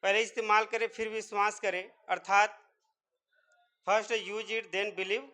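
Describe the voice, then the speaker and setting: A man's voice: high voice, level tone, slow pace, sharp tone. A man teaching English pronunciation step by step, repeatedly quizzing his viewers. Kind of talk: spoken English lesson.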